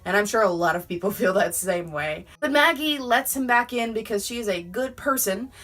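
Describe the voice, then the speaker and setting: A woman's voice: medium pitch, animated, moderate pace, a bit bright. A woman casually recapping and reviewing a TV episode for her channel, enthusiastic and laughing often. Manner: enthusiastic, laughs often, quotes characters in passing. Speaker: YouTube TV reviewer.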